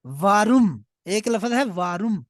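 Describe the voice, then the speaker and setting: A man's voice: high-pitched, expressive, normal speed, dry recording, studio quality. A man with a Punjabi accent teaching a language class, explaining step by step and often checking that students follow. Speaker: German teacher.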